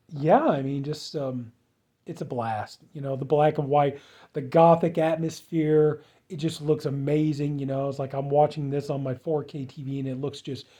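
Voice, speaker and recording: A man's voice: medium pitch, warm tone. A man giving a casual spoken movie review, rambling with many fillers and restarts. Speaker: film reviewer.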